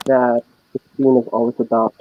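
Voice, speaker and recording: A man taking part in a workshop asks a question haltingly over a video call while his audio keeps glitching and breaking up. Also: mid-range voice, level tone, phone-quality sound. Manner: halting, hesitant. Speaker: workshop participant.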